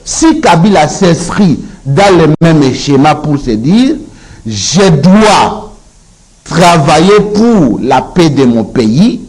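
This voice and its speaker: A man's voice: on the high side, sing-song, slow, a little mellow, poor audio. A Congolese man giving his views as a guest on a political talk show, mixing Lingala and French, emphatic and repetitive when he lists his points. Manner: switches between Lingala and French. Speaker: guest commentator.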